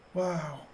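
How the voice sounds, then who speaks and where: A woman from Tunisia, chatting with viewers and thinking aloud as a chess streamer. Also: background noise. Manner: chatty, reads chat aloud and thinks out loud over moves. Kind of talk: live-stream commentary.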